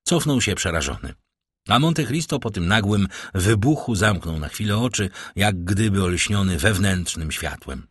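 A man reading an audiobook aloud in a measured, dramatic way. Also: low voice, lively intonation, fairly bright tone, slightly rough, no echo, clean studio sound. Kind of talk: audiobook narration.

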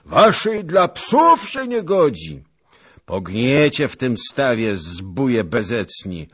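A man voicing coarse Cossack warriors who shout taunts across the field in a high, strained voice. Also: very animated, takes it slowly, breathy edge, exaggerated voice. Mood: jeering shout.

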